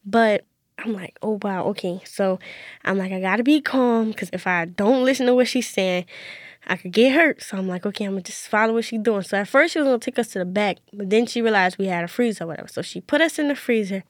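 A young woman telling a personal story in casual conversation, often quoting herself in a hushed voice. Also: mid-range voice, a little fast, no echo, clean studio sound. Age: young adult. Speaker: interview guest.

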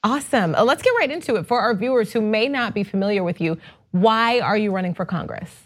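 An upbeat woman hosts a political interview, her pitch moving a lot from line to line. She asks her questions with small hesitant restarts and keeps the talk moving. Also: lively intonation, fast talker, a little hiss or hum. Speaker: fill-in show host.

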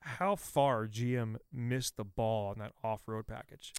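A man's voice: on the low side, unhurried, clear, resonant tone, no room sound. Male co-host, frat-bro talker, slangy and sweary, clean resonant voice, dry sound. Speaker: talk show co-host. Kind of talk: casual chat with ranting.

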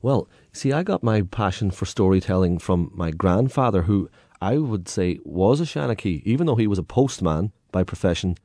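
Man, Irish accent, lilting storyteller, low mellow voice, colloquial, dry close sound. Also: expressive, normal speed, few pauses, no echo. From Ireland. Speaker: guest, tour guide and storyteller.

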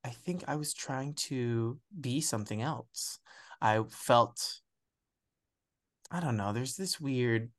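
Young man, American-raised, candid talk, restarts, average pitch. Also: takes it slowly, a bit bright. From United States. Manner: reflective, searching for words, frequent restarts. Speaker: actor, interview guest. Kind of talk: candid conversational interview.

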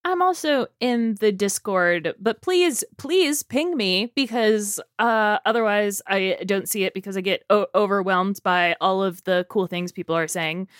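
Slow-talking woman podcast co-host, chatty. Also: medium pitch, dry recording, clean studio sound. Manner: rambling, self-interrupting, laughing easily. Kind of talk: casual podcast sign-off chat.

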